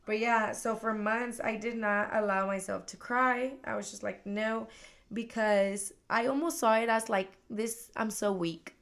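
A woman's voice: fairly high pitch, steady tone, a little slow, hardly any pauses, fairly bright tone. A woman co-hosting a podcast, telling a personal story candidly in casual chat. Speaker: podcast co-host.

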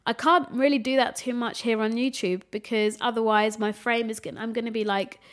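A young woman hosting her own podcast in a relaxed, unpolished solo chat, her voice a bit nasal. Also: fairly high pitch, a little fast. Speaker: podcast host. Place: home room with changing sunlight. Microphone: camera setup, recorded for video.

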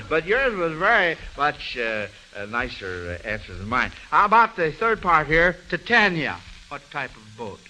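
On a 1940s radio quiz for children, a man hosts in a conversational, folksy, avuncular manner, chuckling and repeating the kids' answers. His voice is on the high side, bright and forceful, with big pitch swings, a slightly slow pace and few pauses. The low-quality vintage broadcast has faint noise.

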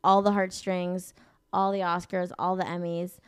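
A woman's voice: fairly low pitch, flat delivery, moderate pace, clean tone, no room sound, clean studio sound. A woman hosting a podcast in casual chat, joking, teasing and swearing freely. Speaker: podcast host. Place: vacation rental.

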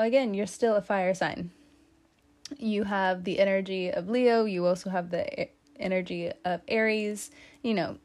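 A woman's voice: mid-range voice, a little mellow. A woman giving a casual tarot reading, chatty and teasing, with lots of fillers. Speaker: tarot reader.

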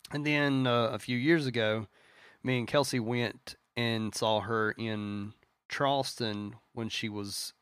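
A man co-hosts a casual music podcast, gushing and rambling with plenty of fillers. His voice sits at an everyday middle pitch, and the sound is close and dry with no room in it. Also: fairly even intonation, slow, fairly bright tone, clean tone, dry recording. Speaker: podcast co-host.

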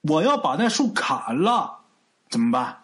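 A man's voice: a little high, big pitch swings, a little slow, a bit bright. A man playing a cocky young villager. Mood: taunting.

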